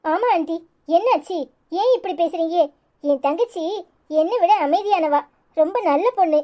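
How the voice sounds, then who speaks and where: A woman voicing a gentle young elder sister in a cartoon, with a Tirunelveli accent, asking politely and anxiously. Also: very high-pitched, moderate pace. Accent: Tirunelveli Tamil.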